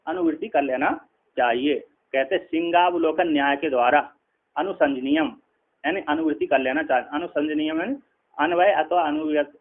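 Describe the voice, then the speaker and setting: Gravelly man teaching on a tinny line. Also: fairly high pitch. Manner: slow chanted Sanskrit quotes between conversational Hindi explanation; checks with listeners, asking "है ना". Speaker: teacher of Sanskrit philosophy. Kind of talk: classroom commentary on a Sanskrit text.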